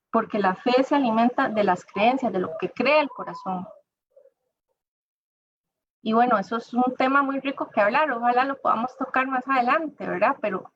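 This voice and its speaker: Woman preaching casually, kinda high voice, dull dry lo-fi sound. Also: no room sound. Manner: conversational, addresses listeners directly, frequent "o sea". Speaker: church speaker. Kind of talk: informal sermon talk.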